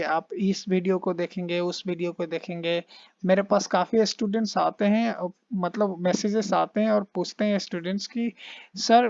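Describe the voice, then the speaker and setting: A man teaching English in Hindi, explaining phrases and slowly modeling their intonation. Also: high voice, dry recording, dull audio. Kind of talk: casual spoken English lesson in Hindi.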